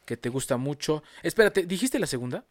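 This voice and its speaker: A man's voice: on the high side, lively intonation, brisk. A man with a Mexican accent hosting a podcast in casual, playful chat, swearing freely. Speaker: podcast host.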